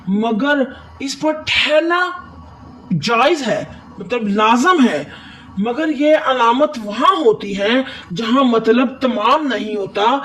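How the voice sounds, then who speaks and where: A man with a Pakistani Urdu accent teaching tajweed, explaining each letter and then reciting words slowly and drawn out. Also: high-pitched, a bit bright, distant mic. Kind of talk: tajweed lesson with slow recitation.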